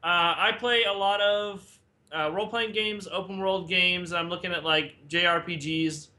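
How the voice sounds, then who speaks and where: A man's voice: high-pitched, steady tone, moderate pace, sharp tone. A man who is a guest on a podcast, chatting in a goofy, rambling, self-amused way. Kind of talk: casual podcast chat.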